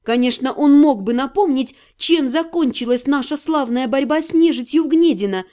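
High-voiced woman reading an audiobook. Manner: expressive, measured storytelling. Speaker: audiobook narrator. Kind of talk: first-person audiobook narration.

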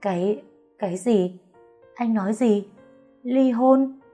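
A woman voicing a scheming young wife who pleads in a shrill voice in an audio story. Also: slow, dark tone, faint music behind. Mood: pleading.

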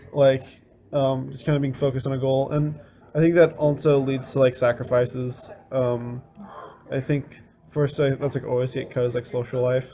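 A young college student answering an interview casually, rambling with lots of fillers. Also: male voice, mid-range voice, warm tone, a little hiss or hum. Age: young adult.

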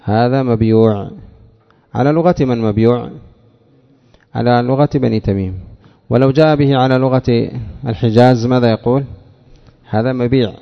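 A teacher of Arabic morphology gives a classroom lesson explaining a grammar text, asking questions and answering them himself, repeating key words, and addressing a student by name. His mid-range voice has vocal fry, a moderate pace, and frequent pauses. The recording is dull and lo-fi with long hall reverb.

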